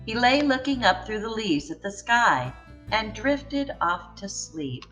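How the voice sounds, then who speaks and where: A woman reading a children's picture book aloud in a gentle, expressive way. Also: medium pitch, unhurried, faint music behind, poor audio. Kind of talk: storybook read-aloud.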